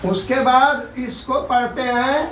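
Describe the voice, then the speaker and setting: A man teaching an Urdu alphabet class, drawing out each letter sound and repeating it slowly for his students. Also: very high voice, fairly even intonation, fairly bright tone. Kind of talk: slow alphabet lesson. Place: tuition classroom. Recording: echoey room, mic at a distance.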